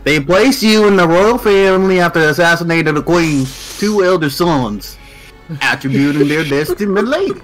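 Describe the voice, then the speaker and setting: A man's voice: on the high side, moderate pace, fairly bright tone, soft background music, close to an everyday voice, low-quality recording. A man voicing a scheming young man who taunts a princess in a casual fan voice-over of a game scene, stumbling over words and laughing through lines. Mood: mocking.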